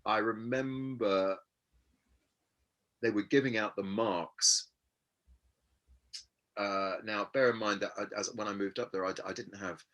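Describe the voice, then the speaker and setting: Man, 50s, from Hampshire, interview guest, lowish voice, self-deprecating, many fillers. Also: fairly even intonation, unhurried, long pauses, a bit bright, highs cut off. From Hampshire, England. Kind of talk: casual storytelling interview.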